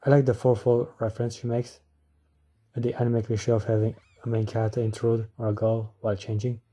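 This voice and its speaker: Very bright, husky male anime reviewer. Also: medium pitch, flat delivery, a little fast. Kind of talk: scripted review narration.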